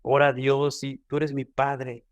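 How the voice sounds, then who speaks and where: Mexican male devotional speaker, mid-pitched, earnest, dry close sound. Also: completely flat delivery, a little slow, dry recording. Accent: Mexican Spanish. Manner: earnest, repeats and restarts phrases. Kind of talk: devotional teaching.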